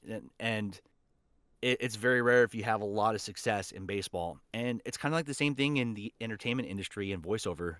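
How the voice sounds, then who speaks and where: On a podcast, a voice actor who also teaches voice acting shares encouraging advice in a conversational way, stressing his points and repeating key phrases. His voice is on the low side and a bit bright. The sound is clean studio audio with no echo.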